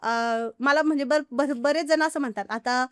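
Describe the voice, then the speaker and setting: A woman's voice: high voice, normal speed, no echo. A woman, telling stories as an interview guest and acting out the lines of the people she quotes. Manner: animated, acts out others' quoted lines. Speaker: farmer vlogger guest. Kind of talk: casual podcast interview storytelling.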